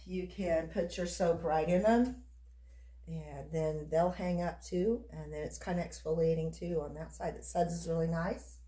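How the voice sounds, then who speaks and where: Lower-pitched woman chatting in an echoey room. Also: fairly even intonation, unhurried, mellow. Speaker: soap maker demonstrating her craft. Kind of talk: casual chatty craft demonstration.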